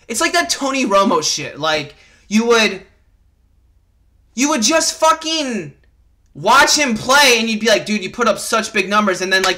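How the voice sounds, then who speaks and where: A man's voice: sits high, sharp tone. A young man hosting a casual sports podcast, ranting in a fired-up, rambling way with plenty of swearing. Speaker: podcast host.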